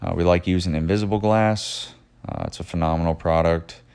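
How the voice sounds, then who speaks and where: A man narrating a behind-the-scenes video of his detailing shop's work in a self-described monotone, with frequent "uh" fillers. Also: sits low, fairly quick, clear, resonant tone. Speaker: detailing shop owner narrating. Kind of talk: voice-over narration of work footage.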